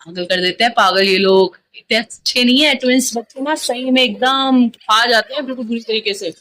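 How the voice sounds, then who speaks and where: A woman's voice: a little high, moderate pace, fairly bright tone. A mother filming a home vlog, coaxing and scolding her small children with playful threats and chatting to the camera. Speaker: mother vlogging her day with three young children. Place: at home, indoors.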